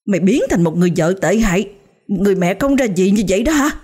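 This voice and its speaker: A woman's voice: mid-range voice, lively intonation, quick pace, darkish tone, slightly rough. Woman voicing an anguished betrayed husband. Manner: wailing, accusing.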